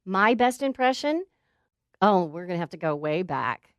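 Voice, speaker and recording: Middle-aged woman, low dry voice. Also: sing-song, moderate pace, no room sound. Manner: playful, laughs easily, answers briefly. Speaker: interview guest. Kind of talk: casual rapid-fire Q&A.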